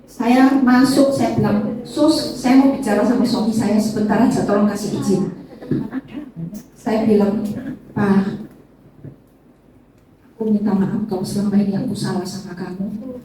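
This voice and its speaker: Speaking at a moderate pace with frequent pauses and a dark tone, a middle-aged woman shares her testimony from the pulpit of a church hall. She addresses the congregation as "saudara" and reenacts tearful prayers in a raised, high voice. A distant mic picks up the hall's echo and faint background ambience.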